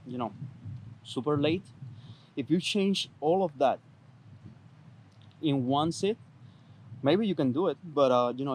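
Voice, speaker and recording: A man's voice: mid-range voice, dark tone, rough recording. A man giving fitness advice in a casual outdoor vlog, a bit out of breath, talking chattily with many fillers and restarts. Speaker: fitness vlogger. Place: outdoors, windy, by traffic. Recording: outdoor wind and traffic noise.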